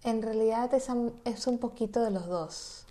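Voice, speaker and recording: A woman's voice: a little high, normal speed. A woman from Peru, a graduate student chatting fluently and at length in a casual conversation. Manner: fluent, talkative, lively storytelling. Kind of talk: casual chat.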